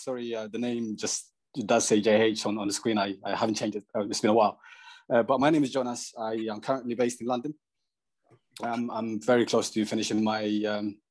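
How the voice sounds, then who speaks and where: A young man from Eritrea, asking a question on a video call through earphones, hesitant and halting with many fillers. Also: mid-range voice, darkish tone. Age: young adult. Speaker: audience member asking a question. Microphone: earphone mic.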